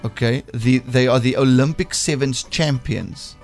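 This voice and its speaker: With music playing behind him, a broad South African-accented man runs a laid-back breakfast radio quiz in a playful, teasing style. He speaks a little slowly in a mid-range, creaky voice.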